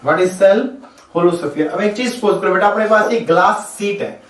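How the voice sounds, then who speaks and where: High-voiced male teacher in an echoey room. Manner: asks questions and answers them himself, calling students "beta"; dictates English definitions slowly, word by word. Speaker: physics teacher. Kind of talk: classroom lecture. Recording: echoey room, voice from far off the mic.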